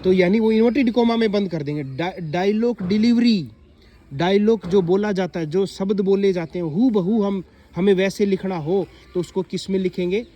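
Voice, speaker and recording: A man teaching young pupils in a classroom, asking them questions and slowly reading example sentences aloud. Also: high voice, mellow. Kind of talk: classroom explanation to children.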